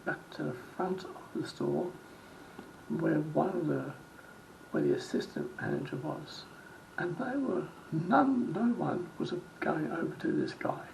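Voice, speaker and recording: A man's voice: fairly high pitch, animated, a little slow, vocal fry, darkish tone, a little hiss or hum, poor audio. A middle-aged man, telling a story in a vlog rant, indignant and rambling with many restarts. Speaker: vlogger.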